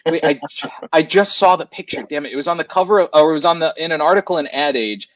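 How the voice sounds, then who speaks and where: A man's voice: fairly high pitch, fast talker, no echo, muffled recording. A man co-hosting a talk radio show, telling a rambling story in casual chat and correcting himself as he goes.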